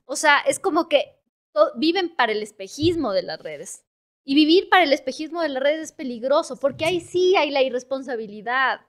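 High-voiced Ecuadorian woman, earnest interview guest. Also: moderate pace. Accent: Ecuadorian Spanish. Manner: earnest, animated, repeats words. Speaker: guest, director and screenwriter. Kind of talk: casual interview chat.

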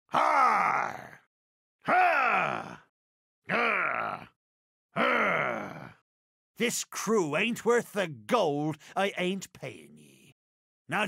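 Swaggering older game pirate captain, raspy and forceful, pitched fairly high, thick West Country pirate accent, grand archaic delivery. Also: male voice, no room sound, clean studio sound, exaggerated voice. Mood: fierce, then exasperated, angry. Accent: theatrical West Country pirate. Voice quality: gravelly, raspy. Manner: theatrical, rolling archaic pirate phrasing. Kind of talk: video game character voice lines.

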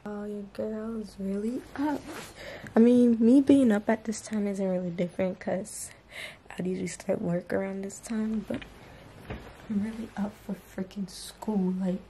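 A woman's voice: medium pitch, fairly even intonation, a little slow, mellow, a little hiss or hum. A teenage girl from Boston chatting casually and slangily straight to her viewers in a vlog. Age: teens. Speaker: vlogger.

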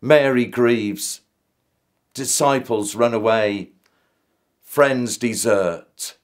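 A man in his fifties reading a solemn, measured devotional reflection to camera. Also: medium pitch. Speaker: Methodist minister.

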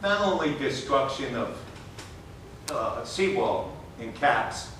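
At a city commission podium, an older resident with a New England accent airs a blunt, rambling complaint stuffed with fillers. His mid-range voice moves slowly with lively intonation, picked up from a distance by a gooseneck mic in an echoey chamber with a noisy background.

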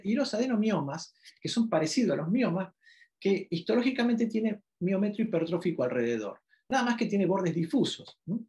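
A man's voice: high-pitched, darkish tone. A man from Argentina giving a medical ultrasound lecture, explaining step by step with frequent checking questions and self-corrections.

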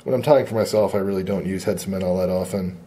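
Low-voiced man explaining fly tying. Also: fast. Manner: relaxed, plain-spoken, with frequent uh fillers. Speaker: fly tier at a fly shop. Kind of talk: instructional tying demonstration. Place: tying bench indoors.

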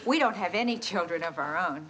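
An actress playing an effusive, gushing neighbor wife in a 1970s sitcom. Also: female voice, lowish voice, lively intonation, fairly quick, close to an everyday voice. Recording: hissy 1970s TV broadcast.

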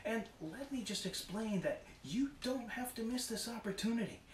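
A middle-aged man giving a hard sell ad as an infomercial pitchman, emphatic and repetitive. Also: expressive, normal speed. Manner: emphatic, repetitive salesman talk. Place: small wood-panelled office. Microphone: camera across the room. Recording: distant roomy camera sound, faint noise.

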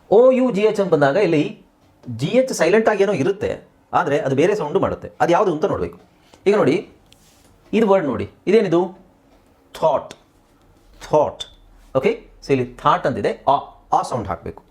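Lively Kannada-accented English teacher. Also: male voice, a little high. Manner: repeats words slowly, asks and answers own questions. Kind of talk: spoken English lesson.

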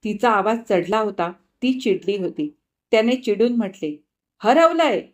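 A woman narrating a novel in a calm, measured storytelling manner. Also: mid-range voice. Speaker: audiobook narrator.

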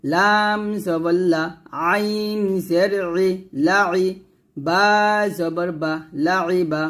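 Brief: Bangladeshi man, Quran reading teacher, very slow, patient letter-by-letter spelling drill. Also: high-pitched, fairly even intonation, a bit bright. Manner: spells each letter with its vowel mark, then blends the syllables. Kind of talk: slow spelled-out recitation lesson.

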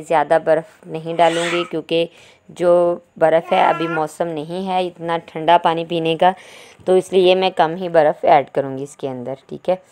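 Lowish, smooth and darkish, the woman's voice guides viewers through a home cooking tutorial as a cooking channel host's voice-over. She is chatty, explains each step, and often says "theek hai."

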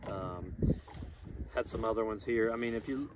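A man in his thirties with a Florida accent, a fishing guide giving a relaxed, upbeat fishing report from a small boat, with lots of "um"s. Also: on the low side, normal speed. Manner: relaxed, chatty, upbeat, many "um"s. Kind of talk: casual monthly fishing report to camera. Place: outdoors on a small boat on a lagoon. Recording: loud wind and water noise on outdoor mic.

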